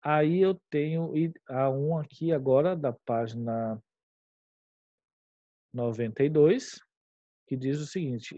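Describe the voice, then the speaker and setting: A man's voice: fairly high pitch, dark tone, dry recording. A man with a Brazilian Portuguese accent, a teacher walking through a grammar exercise and checking in with his class as he goes. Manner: explanatory, checks in with "tá?" and "tudo bem?". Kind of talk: grammar lesson walkthrough. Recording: dull lo-fi recording.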